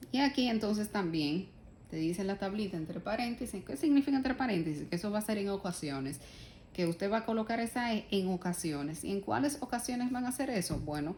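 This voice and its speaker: A woman with a fairly low, slightly mellow voice teaches a German grammar lesson in Spanish over slight background noise. She explains patiently step by step, addresses the class as "ustedes," and poses rhetorical questions to her students.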